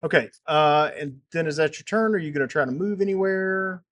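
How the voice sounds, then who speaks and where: A man's voice: on the high side, brisk, a bit bright. A man narrating as game master, explaining rules in an easygoing way with loose restarts.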